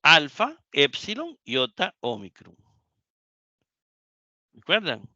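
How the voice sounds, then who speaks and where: A man's voice: a little high, wildly swooping pitch, slow, sharp tone, dry recording, highs cut off. A man teaching Greek in a live class lecture. He repeats the key points and keeps asking the students questions.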